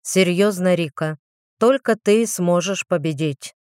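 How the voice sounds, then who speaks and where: A woman voicing a warm, earnest, supportive older brother. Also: lowish voice, unhurried, smooth, dry recording, studio quality, lightly acted.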